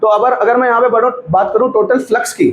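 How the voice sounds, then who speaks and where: Guy teaching physics, pretty high voice, says everything twice, keeps asking if you get it, echoey room. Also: fairly even intonation, fast. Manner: repetitive, coaxing, keeps checking students follow; light teasing asides. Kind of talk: classroom lecture at a board. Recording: echoey room with faint background noise.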